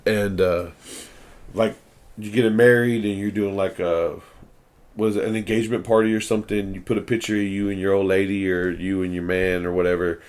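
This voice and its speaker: A man's voice: low voice, level tone, a little fast, darkish tone. A young man hosting a podcast, chatting casually over beers, blunt, profane and rambling. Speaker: podcast host.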